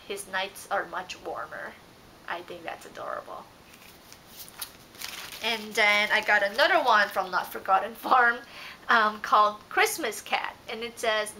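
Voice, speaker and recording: A young Dutch-speaking cross-stitch vlogger sits on her living room couch showing off her craft haul, rambling casually with lots of ums and self-corrections. Her medium-pitched voice is pushed and bright. A fixed camera records her up close, and the low-quality audio has a little hiss or hum.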